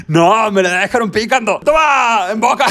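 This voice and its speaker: A man's voice: high voice, lively intonation, unhurried, bright, forceful tone. A young man with a Rioplatense Spanish accent, joking and teasing his partner while commentating a game. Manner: teasing, playful, jokey. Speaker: gameplay co-host. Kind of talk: casual gaming commentary.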